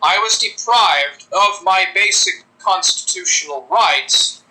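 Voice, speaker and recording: A man's voice: high-pitched, slow pace, bright, forceful tone, rough recording. A man in a played clip, delivering a formal complaint in stiff, pseudo-legal wording.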